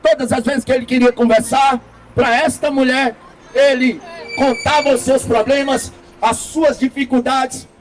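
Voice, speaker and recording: A man with a very high voice tells a parable slowly and dramatically. He pauses deliberately between phrases. Soft music plays faintly behind him. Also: fairly even intonation. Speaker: storyteller. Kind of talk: storytelling a parable.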